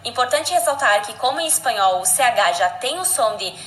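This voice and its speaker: A woman teacher giving a scripted language lesson, explaining clearly and speaking directly to the learner. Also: a little high, expressive, a little fast, a bit bright, slight background noise. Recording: echoey room.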